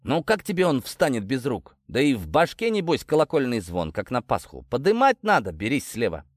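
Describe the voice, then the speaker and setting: A man voicing a gruff, folksy middle-aged police sergeant-major in a storybook reading. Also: medium pitch, huge pitch swings, brisk, dry recording, clean studio sound. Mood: grumbling.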